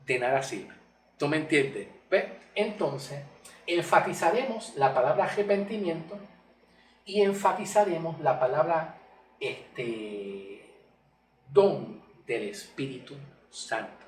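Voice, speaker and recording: A man giving a Bible teaching, often checking in with short questions to his listeners and repeating key words slowly for emphasis. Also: fairly high pitch, expressive. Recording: roomy echo from a distant mic with faint noise.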